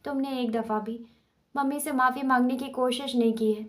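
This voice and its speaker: A woman voices a fiery young wife in a storybook drama, sounding accusing, ranting and sarcastic at once. Her fairly high voice barely shifts in pitch, so the anger lives in the words rather than the melody. The tone is steady and the acting light.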